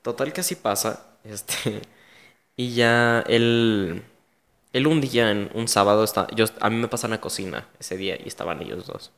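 A man's voice: fairly low pitch, normal speed, creaky, fairly bright tone, big-room sound. A young man with a Mexican Spanish accent, a guest in an interview, telling his own story bluntly and emotionally, full of slang.

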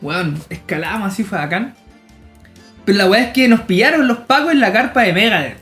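A man's voice: high-pitched, expressive, fairly quick, fairly bright tone, reverberant, faint music behind. A Chilean man in his late twenties, a podcast guest, telling a rambling, self-mocking story among friends and laughing often. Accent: Chilean Spanish.

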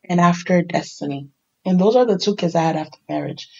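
A middle-aged woman telling her life story in a candid, animated conversation, acting out the people she quotes. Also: fairly low pitch, brisk, creaky, husky, dull audio. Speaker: podcast host sharing her life story.

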